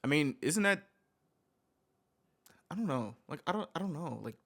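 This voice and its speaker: A man's voice: on the high side, expressive, normal speed, a bit bright. A man hosting a reaction video, talking casually in a heated, rambling way, swearing often and restarting his sentences.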